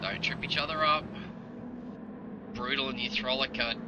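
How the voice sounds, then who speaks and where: A man giving excitable play-by-play as a motorsport commentator during live racing. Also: mid-range voice, normal speed. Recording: loud engine and vehicle noise behind. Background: loud car and vehicle noise.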